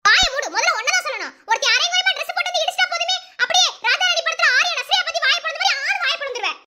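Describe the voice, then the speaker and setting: A young woman acting a jealous, bossy young woman who scolds loudly and quickly. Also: extremely high pitch, animated, slight background noise, exaggerated voice. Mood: scolding. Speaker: comedy skit actor. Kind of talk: comic sketch acting.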